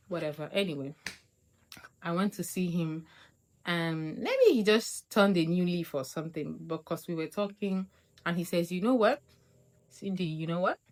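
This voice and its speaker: A young woman vlogger from Nigeria telling a casual storytime monologue, acting out quoted lines with big jumps in her voice. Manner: animated, acts out quotes with big pitch jumps.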